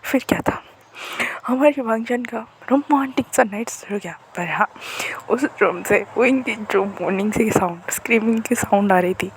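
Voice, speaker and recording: A woman narrating a story casually in a soft, breathy, half-whispered manner. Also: mid-range voice, normal speed, a little hiss or hum, poor audio. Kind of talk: casual fan-fiction narration.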